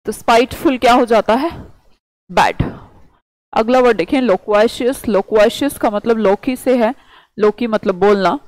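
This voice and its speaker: A woman's voice: on the high side, moderate pace, a little mellow, dry recording, poor audio. A woman teacher giving a vocabulary lecture, explaining words by asking questions and answering them herself.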